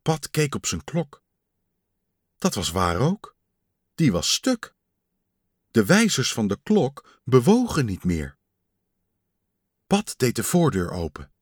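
A man reading a children's storybook aloud, slow and expressive. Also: mid-range voice, breathy edge, no echo, studio quality. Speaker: storybook reader.

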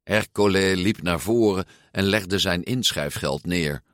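A man reading a children's story aloud in an expressive, unhurried way. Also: low voice, no room sound, studio quality. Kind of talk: storybook read-aloud narration.

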